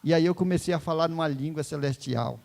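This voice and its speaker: A man preaching an emotional testimony sermon in church, swinging from hushed words to fervent loud exclaiming. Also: on the high side, fairly quick, gravelly.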